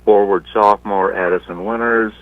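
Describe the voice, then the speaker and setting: Deep-voiced coach on a tinny phone line. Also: male voice, steady tone, no echo. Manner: halting, plain-spoken. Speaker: high school basketball coach. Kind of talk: interview by phone.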